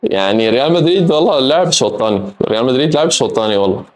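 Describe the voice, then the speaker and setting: Excitable Syrian man reacting fast. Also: mid-range voice. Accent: Syrian Arabic. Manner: excitable, sarcastic, swings between shouts and mutters. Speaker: streamer. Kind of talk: live football reaction stream.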